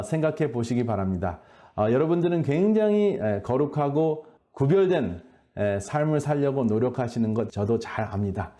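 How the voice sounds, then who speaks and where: Man, health lecturer, mellow warm tone, earnest, measured, frequent hesitations. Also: mid-range voice. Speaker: lecturer at a health boot camp. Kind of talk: faith-based health lecture.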